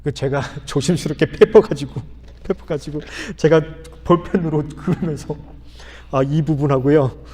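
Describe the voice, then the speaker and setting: Pastor, man, 50s, sermon. Mellow, slightly high voice, storytelling with earnest appeals. Long church reverb. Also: normal speed, a little hiss or hum. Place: church sanctuary.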